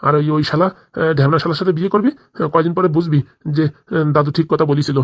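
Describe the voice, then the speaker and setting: A voice actor gives us a rustic old cartoon grandfather, grumbling and self-pitying, who stammers through his complaints at a rapid clip. He sounds mid-pitched, and the recording is dry and close. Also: steady tone, no echo, lightly acted. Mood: scolding. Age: older. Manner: stammering, rustic village speech. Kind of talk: cartoon comedy dub.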